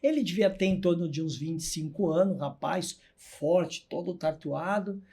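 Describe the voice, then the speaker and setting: A man's voice: high voice, moderate pace, a little mellow, breathy edge. A man telling a story as a podcast guest, a hospital clown who acts out the people in his stories.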